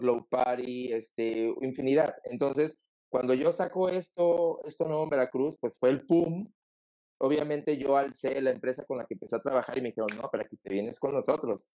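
A man's voice: mid-range voice, mellow, poor audio. A man with a Mexican Spanish accent, a wedding planner guest chatting casually and telling anecdotes with many fillers. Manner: chatty storyteller with lots of fillers. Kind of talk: casual interview chat.

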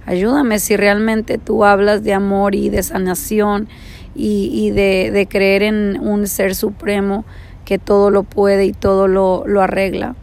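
Story parable: woman voicing desperate mother, pleading, level gravelly tone. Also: medium pitch, flat delivery, slow, a little mellow. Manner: pleading and frantic. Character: desperate grieving mother pleading for her son.

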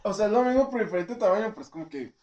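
A man's voice: high-pitched, animated, racing, a little mellow, dull audio. A young man with a Mexican accent from the countryside, co-hosting a casual chat, rambling with lots of slang and fillers. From rural Mexico. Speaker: podcast co-host.

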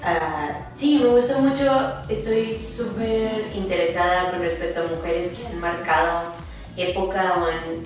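A young woman from Monterrey with a northern Mexican accent chats casually and giggles, slipping in some English. Her voice is on the low side and far from the mic in a very echoey room, with music playing behind her.

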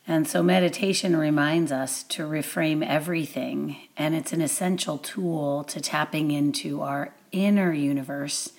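A woman with a low, gravelly voice introduces a guided meditation as the instructor. Her phrasing is deliberate and measured, with long pauses.

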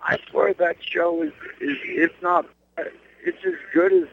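A man with a high, expressive voice phones in to a live show from his cell while riding a moving bus, speaking unhurriedly with a creaky edge. The tinny line keeps breaking up and there's background noise as he chats loosely, calling people dude.

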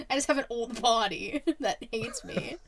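A woman's voice: a little high, a little slow, creaky, slight background noise. A woman hosting a podcast, talking casually in a chatty, teasing way and laughing often. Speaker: podcast host.

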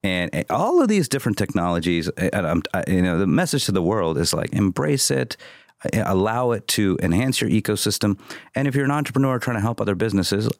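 A man in a casual podcast conversation, excitable and joking, agreeing often and restarting his sentences. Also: lowish voice, brisk, no room sound, studio quality.

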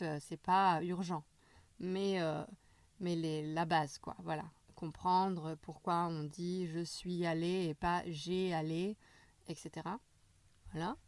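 A woman's voice: fairly low pitch, no echo. A woman in casual conversation, sharing advice on learning languages, speaking hesitantly with frequent fillers and restarts. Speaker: language learning chat partner.

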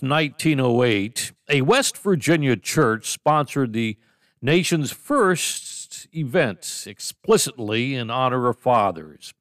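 A man hosting his own radio show, reading scripted narration in a measured storytelling way. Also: mid-range voice, fairly bright tone, no room sound, clean studio sound.

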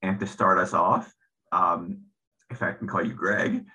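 A man hosting an interview, introducing his guest and asking questions in a measured way with frequent ums. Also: deep voice, level tone, pushed and bright, poor audio. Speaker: interview host.

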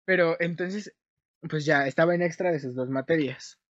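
In a casual chat with friends, a young adult man with a Mexican accent wanders through a story and keeps revising his own details. He speaks at a moderate pace in a slightly high voice, captured on a dull, dry, lo-fi recording.

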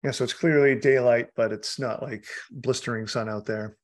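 A man's voice: medium pitch, steady tone, normal speed. A man, an author guest, chatting casually through a film commentary, laughing often and restarting his sentences.

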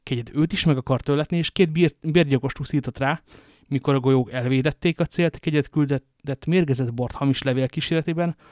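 A man voicing a cold, grim nobleman in a storybook reading, speaking low and measured. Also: a little mellow, no room sound, studio quality, lightly acted. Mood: accusing.

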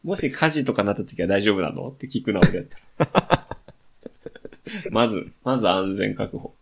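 A man's voice: on the low side, lively intonation, fairly quick, vocal fry. A young man with a Kansai accent, co-hosting a casual podcast chat, laid-back and laughing along. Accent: Kansai Japanese. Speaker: podcast co-host.

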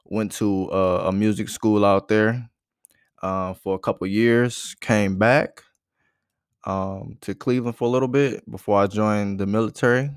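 A man in his thirties, originally from Ohio, hosts his own podcast in a loose, candid monologue full of "um"s. His voice sits somewhat low with a smooth, resonant tone. The sound is close and dry, with no room around it. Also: no room sound. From Ohio, USA. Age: 30s. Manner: rambling, many "um" fillers, relaxed and candid. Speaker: podcast host. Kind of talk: casual solo podcast monologue.

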